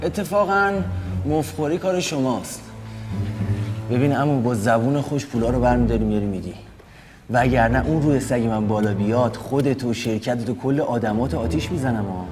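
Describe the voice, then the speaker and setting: An actor playing a young man in a TV series who turns from polite to loudly threatening. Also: medium pitch, big-room sound, music in the background, close to an everyday voice. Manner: polite, then threatening and loud. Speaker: young man confronting the boss. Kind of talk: TV series acting.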